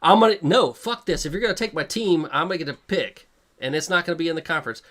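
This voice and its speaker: A man's voice: on the high side, fast, over a noisy crowd. A man co-hosting a casual podcast, brash and swearing freely. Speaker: podcast co-host. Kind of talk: casual chat.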